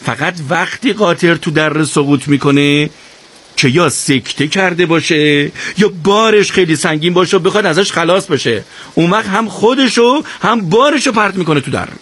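A man's voice: high-pitched, lively intonation, voice pushed up. A man voicing a confident male guide who reassures and instructs the others on a mountain trail. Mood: calm. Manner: reassuring, then shouting orders.

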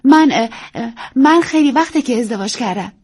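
A bashful young wife, as a woman reader puts her on, timid and hesitant. Her voice rises quite high and a little louder when she is flustered, and it keeps a husky edge. She comes across as a storybook character. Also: animated. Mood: shy, flustered. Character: shy, blushing young married woman.

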